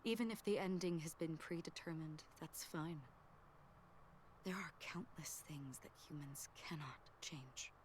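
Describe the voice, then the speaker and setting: A woman voicing a gentle young woman who narrates a farewell in soft, breathy game narration, hushed and half-whispered. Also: low-pitched, measured pace, slight background noise. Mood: wistful.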